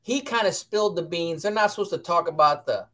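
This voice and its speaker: An American man co-hosting a casual talk show, animated and playful, acting out quotes. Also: sits high, a little fast. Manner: animated, playful, acts out quotes in silly voices. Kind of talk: casual chat.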